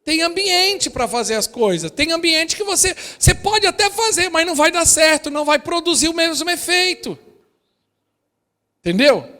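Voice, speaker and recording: A Brazilian-accented male pastor delivers a sermon to his congregation, speaking directly and energetically at a pitch unusually high for a man. His tone is bright and forceful, his intonation lively and his speed normal, and his voice rings through a church hall with a long, lingering reverb.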